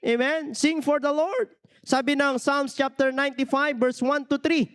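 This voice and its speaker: High-voiced preaching pastor. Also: male voice, fairly even intonation, measured pace, fairly bright tone. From Philippines. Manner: peppers every point with questions to the congregation; mixes English phrases into Tagalog preaching. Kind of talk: sermon.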